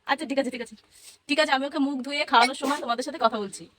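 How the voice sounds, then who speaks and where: Brief: quick, higher-voiced woman, family vlogger, sing-song coaxing. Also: fairly even intonation, fairly bright tone, no room sound. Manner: coaxing, sing-song talk to a small child. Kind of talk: casual family vlog to viewers.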